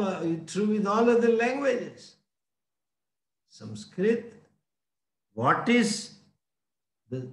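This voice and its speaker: A man with an Indian English accent teaching a scripture class, explaining slowly and often chuckling. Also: sits high, a bit bright, reverberant. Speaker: spiritual teacher.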